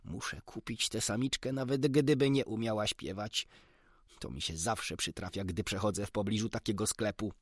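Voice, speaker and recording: A man voicing a kind, gentle middle-aged doctor in an audiobook, speaking softly and thoughtfully. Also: fairly low pitch, normal speed, slightly rough, no echo, studio quality. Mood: resigned. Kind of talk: audiobook character reading.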